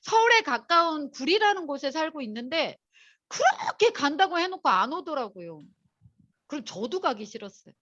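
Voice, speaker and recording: A woman lectures an audience with chatty, animated storytelling, her voice high and swooping up and down. She talks straight to the listeners in a motivational seminar. The recording is dull and lo-fi. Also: moderate pace.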